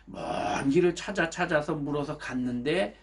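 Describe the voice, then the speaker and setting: A male pastor delivering a sermon, retelling a bible story in a lively way and addressing his listeners directly. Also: a little high, normal speed, creaky.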